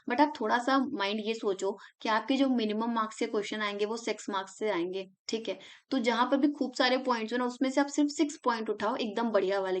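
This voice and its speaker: A young woman tutor giving a casual exam revision lesson, chatty, walking through mnemonics step by step with English terms in Indian English. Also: on the high side. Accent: Indian English words mixed into Hindi.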